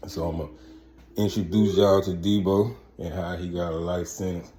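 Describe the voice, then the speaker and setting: Deep-voiced man. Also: level tone, moderate pace, warm tone, soft background music. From Mississippi, United States. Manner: colloquial street slang, rambling and repetitive. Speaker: vlog host and storyteller. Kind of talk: casual storytelling chat.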